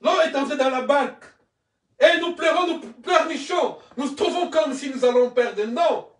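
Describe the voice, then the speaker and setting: A man from Congo preaching an impassioned sermon as a pastor, fervent and often shouting in repeated declarations. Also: very high-pitched, a little slow, roomy sound, recorded from a distance. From Congo (DRC).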